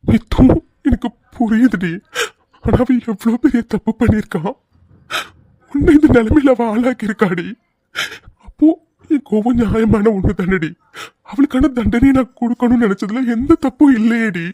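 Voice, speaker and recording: A man voicing a hot-tempered, fiercely loving young hero in a cartoon, rough-spoken and quick to tears. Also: extremely high pitch, mellow, dry recording. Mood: tearful. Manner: fiery, rough-spoken, breaks into sobs. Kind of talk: cartoon voice dubbing.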